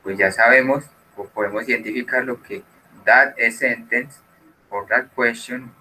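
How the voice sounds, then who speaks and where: A man's voice: mid-range voice, steady tone, measured pace, bright, forceful tone, slight background noise, rough recording. A man teaching an English class who explains patiently and switches between Spanish and English.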